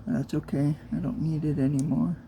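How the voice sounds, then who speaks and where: Woman, hands-on crafter narrating a casual vlog; low, very dark tone, muttering to herself as she works. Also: little pitch movement, brisk, creaky, a little hiss or hum. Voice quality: soft-spoken, talks low on purpose. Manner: mutters to herself while working with her hands. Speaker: crafter making silicone molds.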